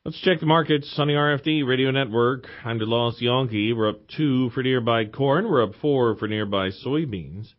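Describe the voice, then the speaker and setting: A man's voice: medium pitch, normal speed, hardly any pauses. Man reading stock prices, dull radio audio. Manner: clipped, rhythmic recital of figures. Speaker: farm radio host and interviewer. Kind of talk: reading stock and commodity prices in a market report. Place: radio broadcast.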